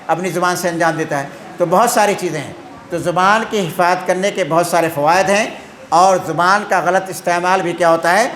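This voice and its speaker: A man's voice: high voice, fairly bright tone, a little hiss or hum. A man giving a religious lesson, who keeps asking the listeners questions and answering them himself. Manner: constantly asks questions and answers them himself, tagging "hain?". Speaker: Islamic teacher. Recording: echoey room.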